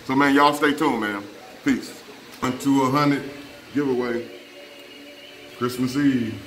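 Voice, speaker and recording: A middle-aged barber hosts a giveaway inside his barbershop, chatting casually and playfully with customers and often repeating himself. His medium-pitched voice is fairly even and slow, recorded in an echoey room with shop chatter and slight background noise.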